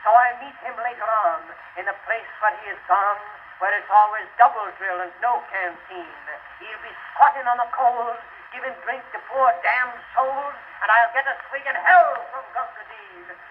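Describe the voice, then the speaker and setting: A man's voice: extremely high pitch, moderate pace, few pauses, phone-quality sound. A man playing a boisterous British soldier in a hammy recitation of verse. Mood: impassioned. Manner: hammy theatrical stage declamation, shouting and swelling. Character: rough, boisterous old British soldier in India, reminiscing fervently. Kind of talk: 1920s dramatic verse recitation. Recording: scratchy band-limited 1920s acoustic record.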